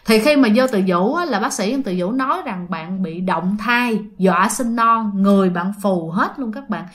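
A woman's voice: mid-range voice, lively intonation, moderate pace. A woman telling a ghost story in a chatty way, talking straight to her listeners. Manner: chatty, addresses listeners directly. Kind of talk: casual horror storytelling.

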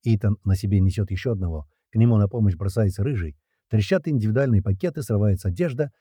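Male audiobook reader, husky and dark, lively pitch, dry close sound. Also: fast, no echo. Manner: tense action narration, dialogue read aloud. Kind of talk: first-person audiobook narration.

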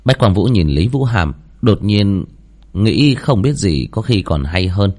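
Male narrator, audiobook reading, low voice, lively intonation. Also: measured pace. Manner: expressive storytelling.

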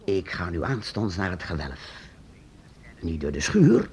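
A man with a low voice acts in a radio play, using an exaggerated delivery as a secretive old master inventor, a master craftsman who is calm and fatherly. He sounds measured and reassuring, with lively intonation. There is slight background noise.

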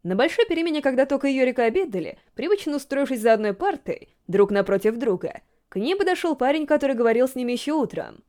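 A woman narrating a story aloud with a steady, expressive reading. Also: high-pitched, quick pace, few pauses. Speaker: audiobook reader.

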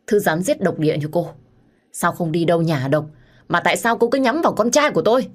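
A woman's voice: fairly low pitch, expressive, fairly quick, pitched above the performer's own voice. Woman voicing a furious older mother-in-law. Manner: scolding, accusing. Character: angry older mother-in-law, sharp-tongued and scornful.

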